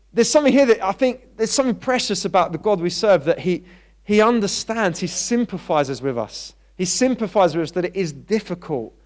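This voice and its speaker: A man preaching a sermon in a church. He talks in a conversational way and gets animated when he tells stories. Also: sits high. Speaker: pastor.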